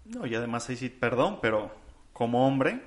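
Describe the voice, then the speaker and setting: A man with a Mexican accent hosting a casual panel talk, animated, stretching words for emphasis. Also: mid-range voice, moderate pace.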